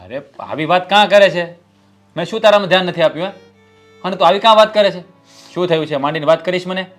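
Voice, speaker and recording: A man's voice: high voice, fast, a bit bright, soft background music. An actor playing a protective husband who takes his wife's side in a family drama. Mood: coaxing.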